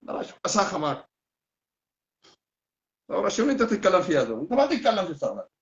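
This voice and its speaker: A man's voice: high-pitched, huge pitch swings. A man with a Sudanese Arabic accent, hosting a heated political live stream, ranting with repeated insults. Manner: fast, heated, insulting, repetitive. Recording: dull lo-fi sound.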